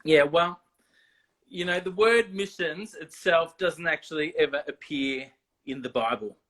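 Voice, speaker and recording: A man talking as a guest in a casual video chat, explaining deliberately with many ums and restarts. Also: a little high, fairly bright tone. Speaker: missions guest.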